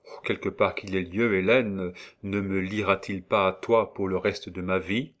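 A man's voice: deep voice, steady tone, normal speed, fairly bright tone. A man reading a novel aloud, voicing a condemned young man in an earnest, tender way. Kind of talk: audiobook reading of a classic novel.

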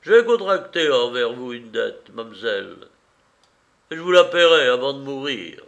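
A man voicing a loyal, rough peasant beadle who fights for the king, speaking loudly and earnestly in a rustic way. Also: mid-range voice, very animated, normal speed, muffled recording.

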